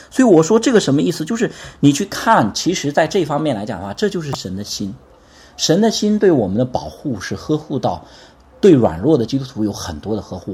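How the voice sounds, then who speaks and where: A husky-voiced man delivering a sermon at a quick clip. He preaches in a chatty, animated way, throwing questions at the congregation and waiting for their replies. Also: mid-range voice. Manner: lively, keeps asking the congregation for responses. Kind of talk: conversational sermon.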